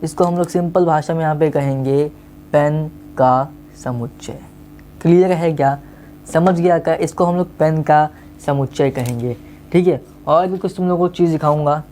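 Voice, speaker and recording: A man's voice: on the high side, moderate pace, mellow, slight background noise. A male teacher gives a casual online maths lesson, coaxing his students and often checking that they have understood.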